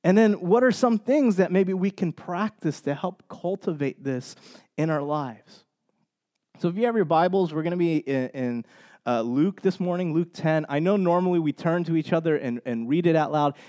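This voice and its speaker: A man with a notably high voice delivers a casual sermon to his congregation. He talks in an easy, chatty way and keeps pausing to ask "right?" as he goes. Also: expressive, mellow. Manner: conversational, often checks in with "right?". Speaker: pastor.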